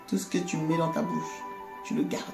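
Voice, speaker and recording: Woman doing a calm firm divine voice, quiet and low, faint music behind. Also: moderate pace, gravelly, echoey room. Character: calm, firm inner voice of God, commanding.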